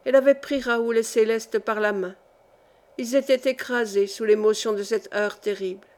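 Female audiobook reader, fairly high voice, measured dramatic delivery. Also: fairly even intonation, a little mellow. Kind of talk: scripted narration of a historical novel.

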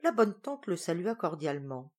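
Expressive woman reading a storybook. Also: lowish voice, normal speed. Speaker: audiobook reader. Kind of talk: scripted audiobook narration.

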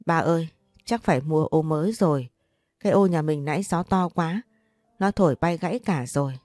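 A woman's voice: deep voice, moderate pace, darkish tone, no echo, studio quality, soft background music, close to an everyday voice. A woman voicing a frightened thirteen-year-old girl who pleads through sobs. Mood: chatty. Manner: sobbing pleas.

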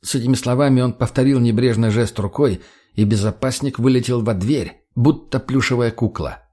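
A man narrating an audiobook in a steady, plain storytelling manner. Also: medium pitch, normal speed.

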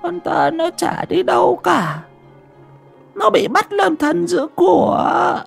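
A panicky old nanny scolds and stammers in a horror story. Her voice sits very high with a creaky edge. She trips over her words as she rattles on. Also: very animated, slow, faint music behind, heavily acted. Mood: blurting. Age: older.

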